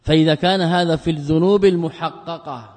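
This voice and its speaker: A man's voice: fairly high pitch, fairly even intonation, fairly quick, darkish tone. Man teaching a religious text in a reverberant hall. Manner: reads quoted passages then explains them, repeating key phrases. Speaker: Islamic scholar teaching a text. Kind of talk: recorded religious lesson, explaining a text line by line.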